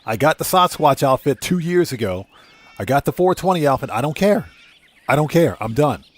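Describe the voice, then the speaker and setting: A man's voice: fairly high pitch, lively intonation, normal speed. A man hosting a live game stream, chatting casually with viewers and repeating himself for emphasis, over game noise.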